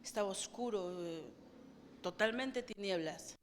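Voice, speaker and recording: A woman's voice: medium pitch, measured pace, a little hiss or hum. A woman pastor preaching a fervent sermon and asking the congregation questions. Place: church. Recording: long reverb of a church hall.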